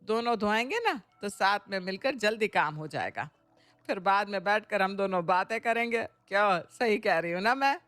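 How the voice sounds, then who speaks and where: A woman voicing a kind middle-aged mother-in-law, gentle and coaxing in an audio storybook. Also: mid-range voice, expressive, normal speed, dry recording, natural voice. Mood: affectionate.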